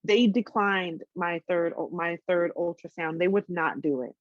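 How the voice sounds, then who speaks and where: A woman's voice: fairly low pitch, measured pace, no room sound, muffled recording. A woman in her twenties telling a personal story in a casual interview, candid, with many ums and restarts. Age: 20s.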